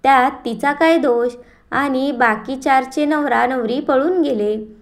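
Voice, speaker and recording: A woman voicing a young man who calmly defends his cousin. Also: sits high, slow pace. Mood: reasoning.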